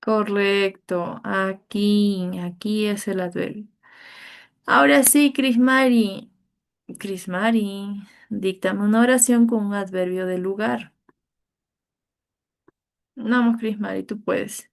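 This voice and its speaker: Patient teacher, a woman, slow and gravelly, calling on students in an online class. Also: mid-range voice, fairly even intonation. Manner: patient, coaxing students by name.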